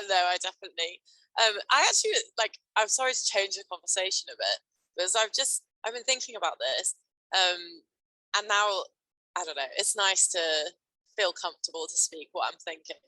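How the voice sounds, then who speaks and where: A woman with a bright, forward voice talks informally on an online panel. The sound is dry and close, and she is tentative and reflective as she goes. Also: medium pitch, dry recording, rough recording.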